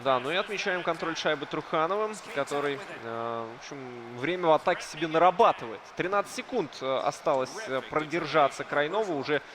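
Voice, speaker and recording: A man's voice: a little high, animated, brisk, few pauses. A man giving live play-by-play commentary on an esports hockey match, often hesitating between phrases. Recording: crowd noise behind. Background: crowd noise.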